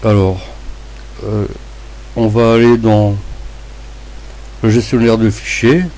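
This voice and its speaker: A man presents a computer tutorial at a very slow, halting pace. His voice is fairly low and very mellow, and his s sounds come out slushy with a lisp. He guides the listener step by step in short phrases. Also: level tone, rough recording. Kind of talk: step-by-step screencast narration.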